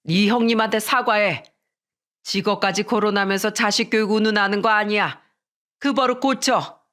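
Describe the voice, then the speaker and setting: A woman's voice: mid-range voice, moderate pace, fairly bright tone, lightly acted. A woman reading the part of a stern elderly mother-in-law who scolds and commands her family. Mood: scolding.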